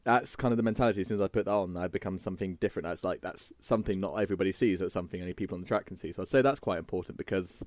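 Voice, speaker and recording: A man's voice: sits low, a little mellow, dry recording. A man with a Southern English accent, a podcast guest chatting casually and joking around. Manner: chatty, jokey, quick to laugh. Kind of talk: casual chat.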